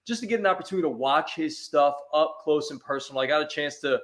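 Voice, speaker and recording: Easygoing, slightly high-voiced man storytelling. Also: fast talker, a bit bright. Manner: easygoing storyteller, frequent restarts. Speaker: sports radio host, guest. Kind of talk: casual chat.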